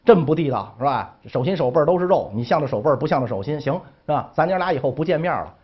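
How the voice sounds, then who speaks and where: Folksy scheming old-time duke, as a storyteller puts him on, husky and lively. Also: male voice, fairly high pitch, fast talker, highs cut off. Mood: scolding. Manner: colloquial, mock-humble. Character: ancient male duke, sly and pleading.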